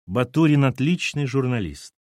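A man voicing a sharp, businesslike middle-aged woman who answers curtly in an audiobook. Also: mid-range voice, animated, normal speed, no echo, studio quality, voice pushed up, natural voice. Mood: clipped, defensive. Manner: curt and clipped.

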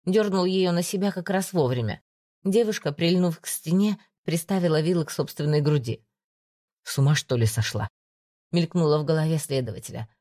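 A woman reading an audiobook as narrator in a measured, even manner. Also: fairly low pitch. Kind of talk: scripted narration.

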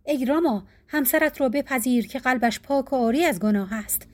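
A woman reading as a solemn fire god. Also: sits high. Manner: solemn proclamation.

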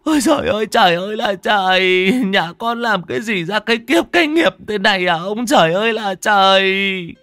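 A man voicing a grieving widow who wails a lament over her husband's coffin, in a high, loud voice. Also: normal speed, few pauses, dry recording. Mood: wailing. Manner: wailing lament.

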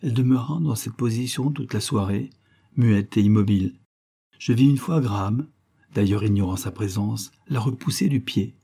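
A man reading a classic novel aloud as scripted literary narration, measured and expressive. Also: fairly low pitch, vocal fry, slightly rough. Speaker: audiobook reader.

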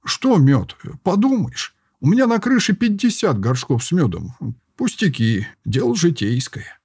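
A man voicing a short, plump, lazy man who grumbles and sulks, cheeky and whiny, in a husky voice. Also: on the high side, sing-song, unhurried, darkish tone, pitched above the performer's own voice, exaggerated voice. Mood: lazily grumbling.

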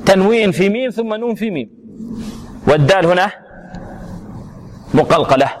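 A man teaching Quran recitation, drawing words out slowly and quizzing his students on pronunciation rules. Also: high-pitched, lively intonation. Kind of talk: tajweed lesson with students.

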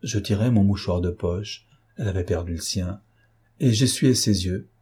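A man narrates an audiobook in a calm, measured way. His voice sits low and sounds mellow and dark, with a husky, breathy texture. The pacing is steady, like classic storytelling. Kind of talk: audiobook reading of a novel.

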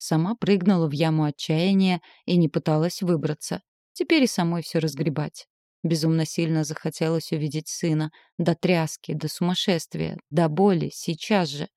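A woman narrates a novel in the first person with a low, mellow voice. Her reading is emotional and dramatic, and the recording is dry and close. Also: fairly even intonation, normal speed, no echo. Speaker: audiobook narrator.

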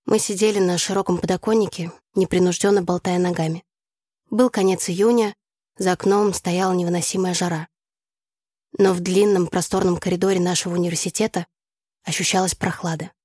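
A woman narrating a first-person story for an audiobook in a calm, scripted storytelling manner on a close studio mic. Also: lowish voice, brisk, slightly rough, no echo.

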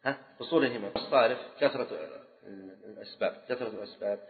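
A man lectures a class at a brisk clip, doubling back on each key phrase and testing his students with quick questions. His voice carries a long reverb, and it comes through a thin, phone-like recording that cuts away the full range. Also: medium pitch. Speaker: teacher of Islamic jurisprudence. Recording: tinny lo-fi recording in a reverberant hall.

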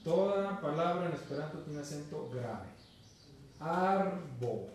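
A man's voice: on the high side, animated, slow pace. A man teaching an Esperanto class in a university classroom, patiently drilling pronunciation and repeating words. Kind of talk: classroom instruction. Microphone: far room recording. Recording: echoey classroom from far off, faint noise.

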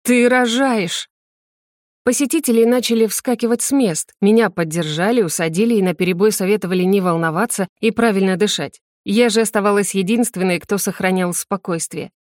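Female audiobook narrator, mid-pitched, lively first-person reading, dry close sound. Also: fairly quick, hardly any pauses, dry recording.

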